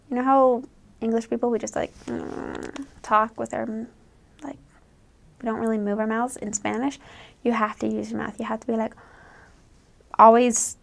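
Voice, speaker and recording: Speaking with a fairly high, gravelly voice, a young woman from the US who served as a missionary offers casual, chatty advice. She acts out quoted voices and laughs a lot along the way.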